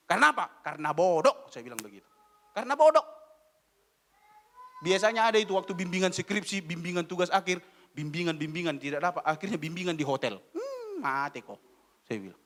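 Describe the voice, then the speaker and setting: A man's voice: sits high, a bit bright. A man from Indonesia preaching a sermon as an evangelist, blunt and scolding, telling stories with quoted dialogue. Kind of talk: sermon with storytelling. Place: church.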